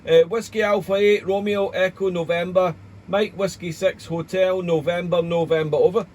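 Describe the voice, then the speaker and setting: A Welsh man with a high-pitched, darkish voice chats as an amateur radio operator in a casual ham radio contact, using call signs and radio procedure words. He speaks at normal speed with fairly even intonation, rambling courteously, and there's slight background noise.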